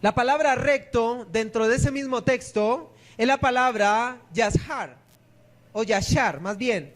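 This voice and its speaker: A pastor with a strikingly high voice preaches to his church. He keeps tossing questions at the congregation and then answering them himself. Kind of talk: sermon.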